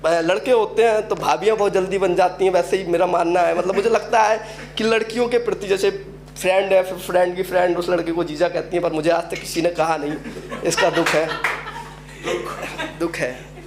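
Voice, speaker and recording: A young man doing a stand-up comedy set, telling stories with a UP Hindi accent and acting out characters in quick asides. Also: sits high, steady tone. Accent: Uttar Pradesh Hindi. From Uttar Pradesh, India.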